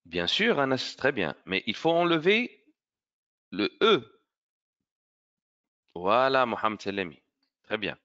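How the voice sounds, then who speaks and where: A male teacher runs an online French grammar lesson for children. He speaks slowly and with a lively, rising and falling pitch. His tone is bright, and the lo-fi audio sounds a little dull. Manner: encouraging, praises pupils by name; slow, careful explaining.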